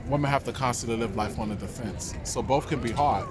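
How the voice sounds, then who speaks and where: Male interviewee, New York accent, casual and reflective, mid-pitched voice, recorded outdoors with clear city noise. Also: fast. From New York, United States. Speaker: interviewee, dancer and actor.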